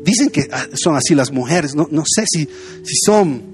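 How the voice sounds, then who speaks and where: High-voiced pastor preaching. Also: male voice, lively intonation, normal speed, music in the background. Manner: conversational, anecdotal preaching. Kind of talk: sermon.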